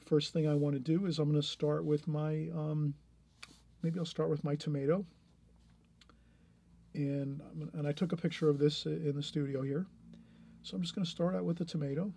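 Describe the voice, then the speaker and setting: Talking through his drawing in a painting lesson, a middle-aged male art teacher is encouraging yet rambling, often restarting his sentences. He speaks briskly in a fairly high, level voice that is gravelly and warm with a breathy edge, leaving long pauses.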